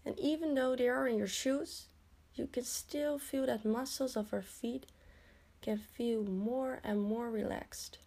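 A woman guiding a progressive muscle relaxation exercise in a slow, soothing, instructional way. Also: on the high side, dark tone. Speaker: relaxation guide.

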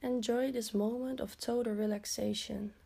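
A woman guiding a progressive muscle relaxation exercise in a slow, soothing, instructional way. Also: a little high, steady tone, creaky, mellow, slightly rough. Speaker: relaxation guide.

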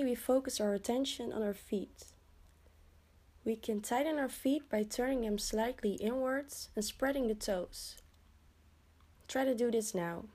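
A woman guiding a progressive muscle relaxation exercise in a slow, soothing, instructional way. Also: a little high, warm tone. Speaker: relaxation guide.

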